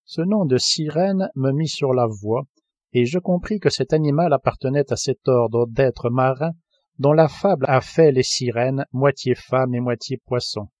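A man reading a classic novel aloud as an audiobook narrator, in a steady, even voice. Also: medium pitch, a little slow, no room sound. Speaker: audiobook reader. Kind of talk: scripted narration.

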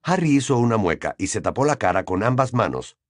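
A man reading a novel aloud as an audiobook narrator, in measured storytelling. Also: lowish voice, very animated, no echo, studio quality. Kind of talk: scripted narration.

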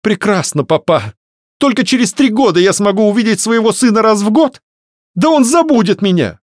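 A male narrator voicing a desperate, hysterical young noblewoman who pleads and cries out in a strained falsetto. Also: lively intonation, moderate pace, dry recording, clean studio sound. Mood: pleading, distraught. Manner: high strained falsetto, tearful outbursts.

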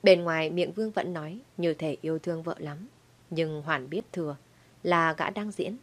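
A woman narrating a dramatic audio story in a lively storytelling manner. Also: low-pitched, moderate pace.

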